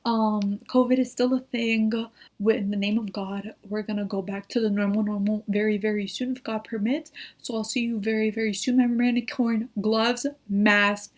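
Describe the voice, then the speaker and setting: A young woman talks to her viewers in a loose, casual chat. She gushes over her favourites, and nearly every phrase is padded with "like". Her voice sits at an ordinary middle pitch for a woman. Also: steady tone, moderate pace. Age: young adult. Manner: gushing, says "like" constantly. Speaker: YouTuber reviewing shows.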